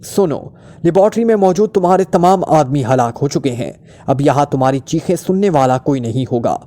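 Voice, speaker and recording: Cold ruthless killer, read by a man, icy menacing tone, mellow dark voice, slightly high. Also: expressive, normal speed, natural voice. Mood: icy menace.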